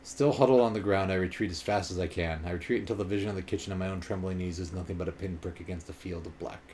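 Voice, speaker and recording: A haunted young elf wizard from a fantasy game, read by a man in a deep, low voice. He tells his memories quietly and carefully, with faint noise behind him. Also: fairly even intonation, close to an everyday voice. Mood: somber. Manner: quiet, measured storytelling.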